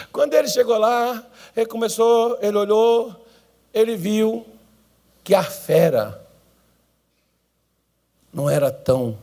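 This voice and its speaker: A Brazilian male pastor preaching a sermon in church, swinging between drawn-out shouted cries and low, quick asides. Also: expressive, gravelly.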